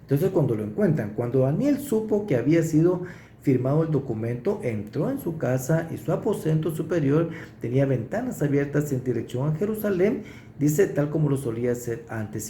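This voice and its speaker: A man preaching, teaching through a Bible passage verse by verse and pausing to stress what he reads. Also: mid-range voice, mellow, slight background noise. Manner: explanatory, pauses to stress verses. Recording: roomy echo.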